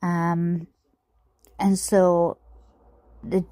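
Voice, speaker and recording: A woman's voice: fairly low pitch, flat delivery, drawn-out words, dark tone, dry recording. A Welsh woman hosting a livestream, talking casually with many fillers and restarts into a headset mic. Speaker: livestream host covering a trial.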